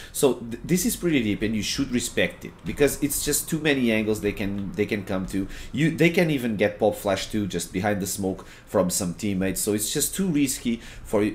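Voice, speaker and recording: At his home computer, a young Portuguese man with a Portuguese accent makes a casual game tutorial, talking in a relaxed, halting way full of fillers and restarts. His voice is fairly low, with slight background noise.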